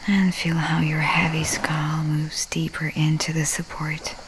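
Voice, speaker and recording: Leaving long pauses between phrases, a woman guiding meditation speaks softly in a soothing half-whisper, her voice low and very even. Background noise is present.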